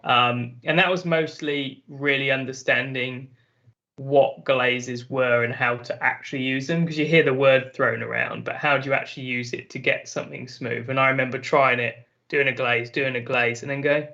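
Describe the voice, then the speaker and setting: A man's voice: mid-range voice, fairly even intonation, moderate pace, vocal fry, pushed and bright, dull audio. A man reflecting casually on a podcast, often saying like. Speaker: podcast co-host. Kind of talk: casual chat.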